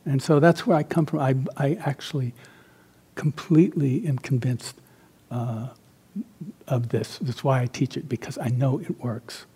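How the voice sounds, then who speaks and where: In an informal dharma talk, an older meditation teacher from Central America recounts personal stories in a medium-pitched, breathy voice with fairly even intonation. He pauses haltingly, reflects, and lets his sentences trail away softly.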